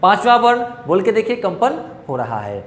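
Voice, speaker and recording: A man teaches a grammar lesson, asking his pupils questions and answering them in turn. His pitch swings up and down with lively emphasis. The room is echoey, with a long ringing tail. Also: normal speed.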